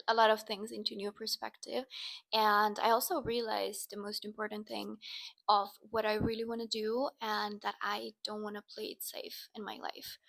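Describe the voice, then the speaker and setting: A woman, chatting casually to camera in a personal vlog. Her voice sits at a middling pitch with plenty of vocal fry, and her easy, unhurried delivery sometimes slips into soft, breathy asides. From Finland. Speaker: vlogger.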